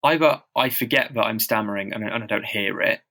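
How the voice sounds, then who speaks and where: A man's voice: on the low side, a little fast, vocal fry, sharp tone. A man co-hosting a podcast in casual chat, who stammers with blocks and repeated sounds and talks in a loose, self-deprecating way. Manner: loose and chatty, with lots of fillers and self-deprecating asides. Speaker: podcast co-host.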